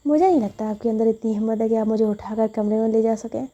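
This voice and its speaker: A woman's voice: fairly high pitch, fairly even intonation, quick pace, mellow, lo-fi sound, close to an everyday voice. Woman voicing a teasing young woman. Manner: teasing and coy.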